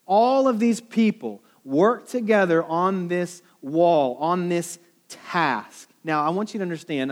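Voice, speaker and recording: A man preaching a sermon to a congregation in a casual, joking way, often checking in with "right?". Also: a little high. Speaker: pastor.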